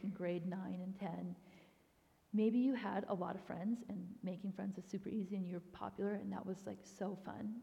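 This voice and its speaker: A young woman who grew up in Thailand and works as a youth ministry director gives a casual guest talk at a church, chatty and informal with plenty of "um" and "like." Her medium-pitched voice is gravelly and dark. The somewhat dull, lo-fi recording rings with a long hall reverb.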